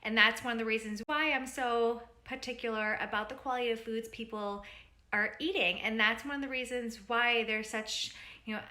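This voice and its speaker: Young woman, dietitian vlogger, casual chatty delivery, upbeat, bright tone. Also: a little high, fairly even intonation, moderate pace. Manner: chatty and upbeat, gushing about food. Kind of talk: casual vlog narration.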